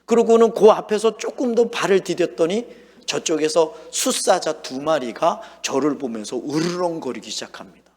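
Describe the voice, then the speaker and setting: A pastor telling a dream story in a sermon, acting out his own words and shouts. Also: a little high, moderate pace. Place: church sanctuary. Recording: long hall reverb.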